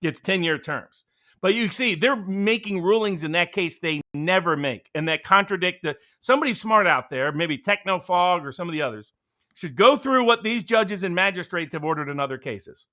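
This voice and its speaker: A man's voice: sits high, animated, moderate pace, pushed and bright. A man co-hosting a political commentary show, talking emphatically and sarcastically. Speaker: co-host.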